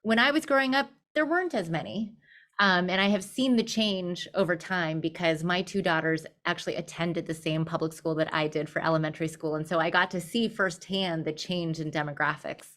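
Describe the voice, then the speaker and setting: A middle-aged Southern California woman who is managing partner of a law firm shares her life story as an interview guest. Her voice sits on the low side, a bit bright and brisk, and she tells it candidly with light humor.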